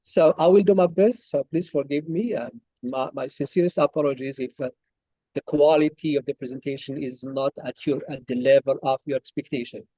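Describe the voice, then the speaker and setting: Casting: male guest speaker from Morocco, mellow dark voice, halting with fillers, dry muffled call audio. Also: medium pitch, no room sound. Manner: halting, many fillers and restarts. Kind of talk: webinar presentation. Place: coffee shop. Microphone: online call.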